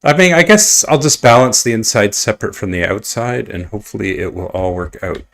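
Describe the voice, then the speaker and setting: Brief: male streamer, lowish gravelly voice, rambling self-mocking gameplay chat. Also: fairly quick, a bit bright. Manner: rambling, self-mocking, mutters asides to himself. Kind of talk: casual gameplay commentary. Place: at home at his computer.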